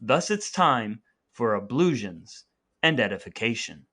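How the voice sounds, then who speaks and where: A man's voice: medium pitch, big pitch swings, measured pace, fairly bright tone. A man co-hosting a podcast in a conversational, partly scripted style, with playful mock-grandiose phrasing. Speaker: podcast co-host. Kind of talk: conversational podcast talk with semi-scripted intro.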